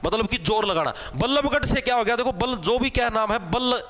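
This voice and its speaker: A young man with a Haryanvi accent teaches an exam-prep class online, talking in a fairly high voice. He jokes and teases, builds memory tricks around the answers, and keeps checking in with his students as he goes. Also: animated, brisk, fairly bright tone, a little hiss or hum. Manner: chatty, teasing, repeats "theek hai" as a check-in.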